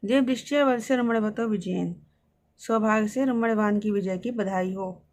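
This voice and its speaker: Woman, teacher, reads a line then explains it, mid-pitched voice, measured lesson delivery. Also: a little mellow. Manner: reads Sanskrit lines, then explains each in Hindi. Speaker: Sanskrit teacher.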